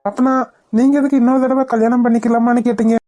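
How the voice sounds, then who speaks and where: A bashful young groom in a cartoon, sincere and a little puzzled, with a woman acting him out. The voice is somewhat high and mellow. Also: little pitch movement, fast, natural voice. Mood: earnest.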